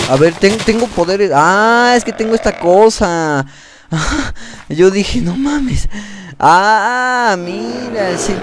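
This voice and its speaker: A man's voice: fairly high pitch, a little hiss or hum. A man with a Mexican accent giving crude, joking let's play commentary, bickering with himself as he plays. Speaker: gaming YouTuber.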